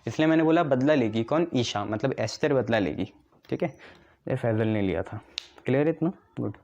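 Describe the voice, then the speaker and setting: Mellow-voiced male chemistry teacher, lo-fi. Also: mid-range voice, lively intonation, normal speed. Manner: explains step by step, often checks "ठीक है"; asks and answers his own questions. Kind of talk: classroom lecture with memory tricks. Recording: dull lo-fi recording.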